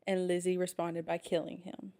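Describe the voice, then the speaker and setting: A woman co-hosting a podcast, recapping episodes in casual chat with steady fillers. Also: fairly low pitch, normal speed. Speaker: podcast co-host.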